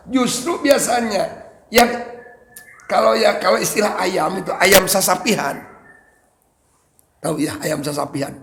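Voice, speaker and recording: Male preacher, Sundanese accent, gravelly and bright-toned, teaching lecture style with humorous asides. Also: on the high side, big-room sound. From West Java, Indonesia. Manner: explains Arabic text line by line, with joking asides. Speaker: Islamic preacher. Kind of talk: religious study lecture to a congregation.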